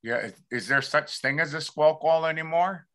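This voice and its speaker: A man from the Pacific Northwest United States hosting an informal community talk show, speaking haltingly and repeating words as he searches for the next one. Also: a little high, pushed and bright. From Lummi community, Pacific Northwest United States.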